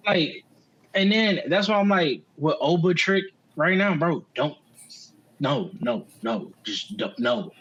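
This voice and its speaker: A man's voice: on the high side, lively intonation, takes it slowly, fairly bright tone, breathy edge, highs cut off. A man co-hosting a podcast, talking wrestling in a casual, slangy way and swearing freely. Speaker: podcast co-host.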